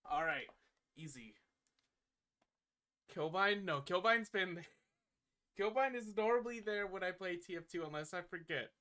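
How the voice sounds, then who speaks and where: A man's voice: high voice, animated, a little slow, pauses often, pushed and bright. A man streaming live, chatting casually and counting his exercise reps aloud while catching his breath.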